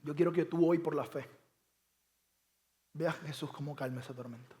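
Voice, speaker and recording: Male pastor, high voice, animated sermon delivery, emphatic rhetorical questions. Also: moderate pace.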